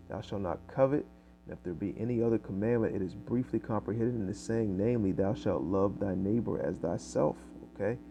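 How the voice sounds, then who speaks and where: Low gravelly guy preaching, dark tone, faint music underneath. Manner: fills with "man" and "okay?", reads verses louder. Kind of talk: street-style sermon reading scripture.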